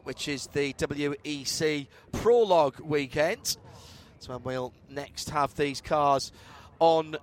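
A man's voice: fairly high pitch, slight background noise. A man calling a motor race as broadcast commentator, summing up results in a chatty, wry way.

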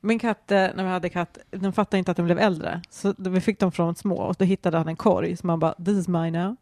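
A woman's voice: lowish voice, fairly even intonation, darkish tone, no echo, studio quality. A young woman chatting casually on a podcast, blunt and swearing, dropping English phrases into her talk. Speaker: podcast co-host or guest.

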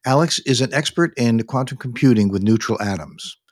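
A man's voice: medium pitch, expressive, no echo, studio quality. Formal male podcast host. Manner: polite, formal and measured. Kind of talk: scripted interview introduction.

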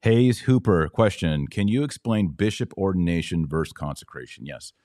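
Answering his audience's questions, this man hosts a casual religious teaching podcast with a didactic style, often asking rhetorical questions and supplying the answers. His deep, slightly mellow voice is expressive and moves at a moderate pace. It is recorded clean in a studio with no room sound.

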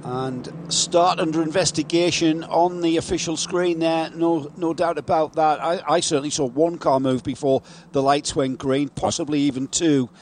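A man's voice: on the high side, steady tone, moderate pace, few pauses, a little hiss or hum. A man commentating live on a motor race, calling the moves as a motorsport commentator.

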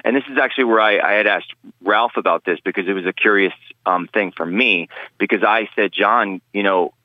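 A man's voice: on the low side, brisk, no room sound, dull audio. A man guesting on a podcast interview, talking earnestly in a rambling way with many restarts. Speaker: guest, paranormal investigator.

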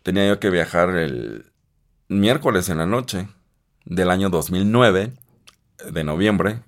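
Fields: Sex: man. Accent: Mexican Spanish. Pitch: very low. Style: personal storytelling. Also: slow pace. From Isthmus of Tehuantepec, Mexico. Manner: chatty, animated, voices others in a high register. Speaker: interviewee telling his life story. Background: guitar music.

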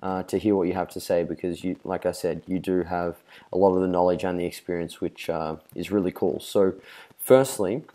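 A man's voice: sits low, fairly quick, mellow. Upbeat man hosting a podcast. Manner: upbeat, teasing, chatty. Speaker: podcast host. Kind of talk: casual podcast interview.

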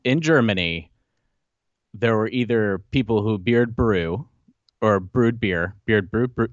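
A man joins a podcast as a guest, joking and teasing in a casual way. His voice sits a little low and sounds slightly dull and lo-fi. The sound is dry. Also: takes it slowly, no echo.

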